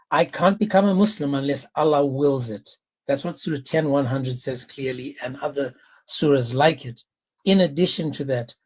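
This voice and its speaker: A man hosting a live religious debate, insistent and quick to interrupt, calling others bro and my man. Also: a little high, husky. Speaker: debate host.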